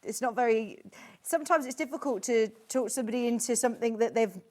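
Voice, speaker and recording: A woman's voice: on the high side, quick pace, a little mellow. A woman presenting live home shopping in a chatty, enthusiastic selling manner. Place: TV studio.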